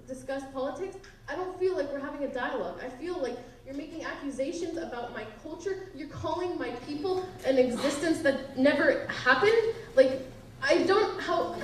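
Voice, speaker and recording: A woman's voice: high-pitched, normal speed, slight background noise. A woman student challenging a speaker at a campus question session, insistent and pushing back. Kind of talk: heated campus Q&A debate. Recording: very echoey hall, far from mic, audience.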